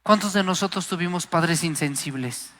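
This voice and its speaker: A man's voice: on the high side, moderate pace, fairly bright tone. A man preaching a Pentecostal sermon, passionate and emphatic, acting out the voices he quotes. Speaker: guest preacher. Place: live church service. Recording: long hall reverb.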